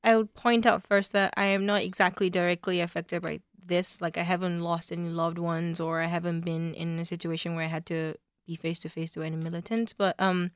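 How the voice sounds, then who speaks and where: A woman's voice: lowish voice, level tone, fairly quick, hardly any pauses, clear, resonant tone, dry recording, clean studio sound. A young woman from Nigeria, a journalism student, answering interview questions in a chatty way with many likes. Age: young adult.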